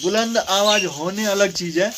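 A man's voice: high-pitched, normal speed. A man in a hill village who jokes and teases in family banter. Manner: joking, teasing banter. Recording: outdoor noise. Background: outdoor noise with birds and insects.

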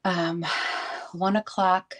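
Casting: middle-aged woman from New York, low-ish voice, chatty rambling live-stream host. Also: flat delivery, extremely slow. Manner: chatty, rambling, greets viewers by name. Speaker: livestream craft host. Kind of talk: casual live-stream chat.

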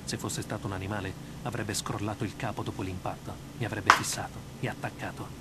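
A brooding writer narrates his ordeal in a measured, grave tone, voiced by a man in a video game. His voice sits low. A clear hiss runs beneath the recording. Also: steady tone, roomy sound, natural voice. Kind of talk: scripted narration.

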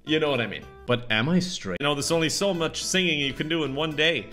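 Deadpan man doing gaming commentary. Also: a little high, soft background music. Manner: deadpan and self-mocking, quick jokes. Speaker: gaming YouTuber.

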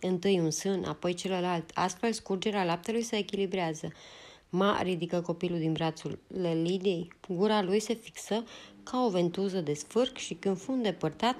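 Woman, audiobook narration, steady unhurried reading, mellow warm tone, low-pitched. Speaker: audiobook reader.

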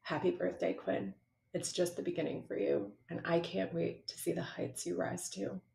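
Man, very gravelly mellow voice, tender and measured, roomy echo. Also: high-pitched. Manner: measured, tender, formal address. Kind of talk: heartfelt birthday video message. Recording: echoey room.

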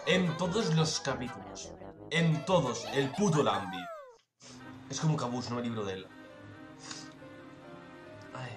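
Guy reacting, cursing, mocking, yelling now and then, echoey room, music going under him. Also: medium pitch, unhurried, pauses often. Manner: swearing, mocking, bursts into shouts. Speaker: video reactor. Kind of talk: casual reaction commentary.

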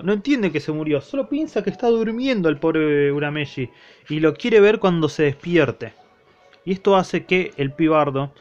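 A manga reviewer with an Argentine Spanish accent recaps a comic in a casual, slangy way. His retelling is lively, and he acts out bits of the characters' lines. His voice sits high, and the recording is muffled.

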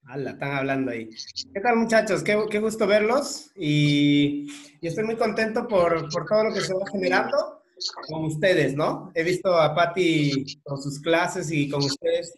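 A man's voice: on the high side, expressive, a little slow, echoey room, slight background noise. A man leads a coaching workshop in a rambling, conversational way, with many tag questions and filler words. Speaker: emotional coach leading a workshop. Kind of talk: conversational group talk.

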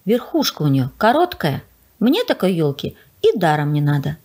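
Fussy young storybook boy, complaining, husky voice, read by a woman. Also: low-pitched, huge pitch swings, normal speed, a little mellow, heavily acted. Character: fussy picky young boy, easily frightened.

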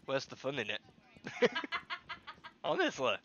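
A man streamer chatting casually while gaming, breaking into quick outbursts and laughs at the game. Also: medium pitch, wildly swooping pitch, muffled recording, background noise. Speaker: streamer and channel host. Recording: game music playing behind.

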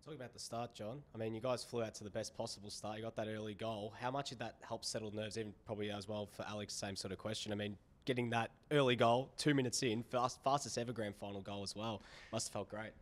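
A man's voice: lowish voice, fairly even intonation, fast, hardly any pauses. A man asking a sports journalist's questions at a press conference, in long, rambling sentences delivered in an indoor press room.

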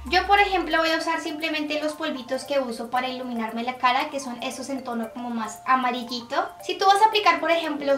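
A woman's voice: high-pitched, pushed and bright. A young woman hosting a casual makeup tutorial, chatty and explaining step by step with lots of diminutives. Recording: echoey room, a bit distant, faint music.

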